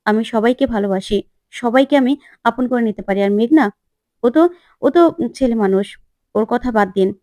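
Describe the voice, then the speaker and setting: A woman voicing a defiant, sharp-tongued young woman in a retold TV serial, full of challenging questions. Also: a little high, normal speed, pauses often, no room sound, lightly acted. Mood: earnest. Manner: challenging, sarcastic.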